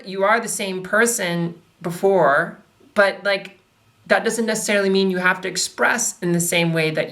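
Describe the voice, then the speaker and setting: A woman's voice: fairly low pitch, a bit bright, distant mic. A woman giving advice to camera in a casual, reflective way, with frequent conversational fillers.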